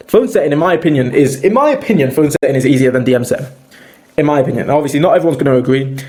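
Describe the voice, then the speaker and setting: A man's voice: a little high, mellow. Guy doing a laid-back sales training talk, lots of restarts, calls everyone boys. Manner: informal, addresses listeners as "boys", frequent restarts. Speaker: sales coach. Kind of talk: casual online training talk.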